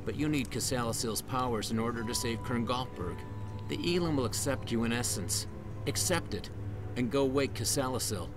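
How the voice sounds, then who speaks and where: A grave, commanding voice with no visible speaker, addressing the hero from out of nowhere in a game. It sits at a middle pitch for a man and gives its orders with calm authority. Clear game music plays beneath the lines. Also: moderate pace. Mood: solemn. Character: unseen solemn male guiding voice in a game. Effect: disembodied voice with no visible speaker. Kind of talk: game character dialogue.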